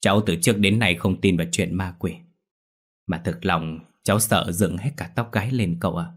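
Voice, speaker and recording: A man voicing a frightened young woman in an audio ghost story, speaking quickly and fearfully. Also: sits low.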